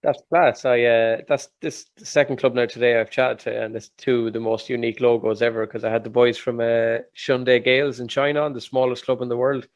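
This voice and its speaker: An Irish man chatting informally as an interview host. His voice sits at a medium pitch and his talk is colloquial. The sound is dry, with no room to it. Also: flat delivery, brisk, hardly any pauses, no room sound, dull audio. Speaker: podcast host. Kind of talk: casual interview chat.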